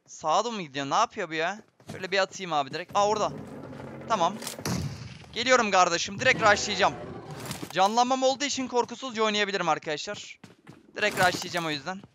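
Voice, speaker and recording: A young man giving excitable, chatty live commentary on a shooter game to his viewers. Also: high-pitched, fast talker, slight background noise. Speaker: gaming streamer. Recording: game gunfire behind voice.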